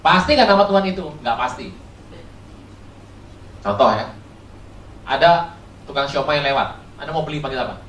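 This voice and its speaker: A pastor preaching a sermon, quizzing the congregation and swinging between loud high bursts and quiet low asides. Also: normal speed, pauses often, slight background noise. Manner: animated, keeps quizzing the congregation. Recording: echoey hall from far off, faint ambience.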